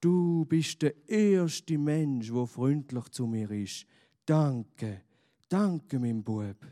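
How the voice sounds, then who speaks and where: Man playing a slow, deep stranger, brooding thief, storybook. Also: expressive, mellow. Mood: melancholy. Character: big, gloomy stranger, a lonely thief.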